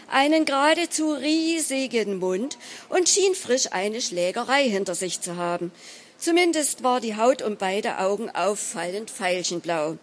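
A woman reading a humorous short story aloud in a measured, dry storytelling manner. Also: medium pitch. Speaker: story reader.

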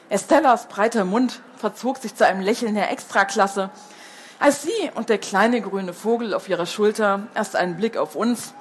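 A woman's voice: mid-range voice, a little hiss or hum. A woman reading a children's book aloud as the storyteller, who falls into hesitant fillers when she chats between passages.

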